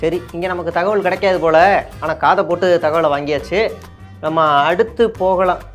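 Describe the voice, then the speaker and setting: A man hosting a comic political sketch as a reporter, talking in hushed, conspiratorial asides. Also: high-pitched, steady tone, normal speed, faint music behind. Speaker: satirical reporter host.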